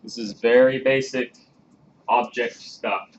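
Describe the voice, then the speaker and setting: A man's voice: medium pitch, steady tone, slow pace. A man in his thirties teaching a programming class in a classroom, chatty and casual, coaxing students to ask questions. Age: 30s. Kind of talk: classroom lecture. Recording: dull, lo-fi classroom recording with faint background hiss.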